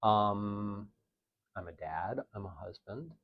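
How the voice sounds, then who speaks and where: A man's voice: fairly low pitch, takes it slowly, narrow, tinny audio. A middle-aged man from New City, a teacher talking earnestly and thoughtfully as an interview guest. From New York City. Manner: thoughtful, earnest, self-correcting. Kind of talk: relaxed reflective conversation.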